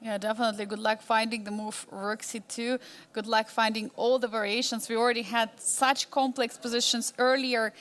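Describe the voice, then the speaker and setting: A woman's voice: on the high side, little pitch movement, a little fast, fairly bright tone. A woman doing live chess commentary, posing suspenseful questions and repeating phrases for emphasis.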